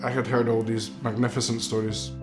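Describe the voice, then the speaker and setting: Fairly quick and mid-range, with little pitch movement, the voice belongs to a Mexican-raised man in his twenties. As a filmmaker, he gives documentary narration of his grandfather's life, sounding earnest and reflective and using some fillers. The recording is roomy, with music underneath.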